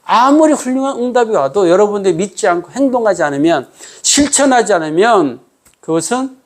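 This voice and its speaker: With a high, expressive voice and a slightly fast delivery, this pastor preaches conversationally. He keeps putting questions to the congregation in call-and-response fashion and shifts his pace to stress points.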